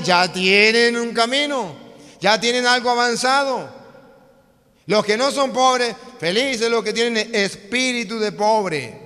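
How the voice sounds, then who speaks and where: Bright-voiced priest preaching in a hall. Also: male voice, high voice. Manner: emphatic and repetitive, addresses the crowd directly. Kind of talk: lively sermon. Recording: long hall reverb.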